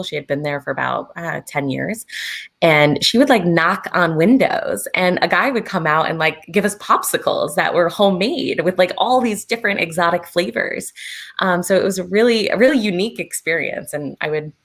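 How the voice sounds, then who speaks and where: A raspy, hoarse woman travel advisor giving a casual online presentation over a video call, chatty and full of fillers. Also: low voice, fairly bright tone.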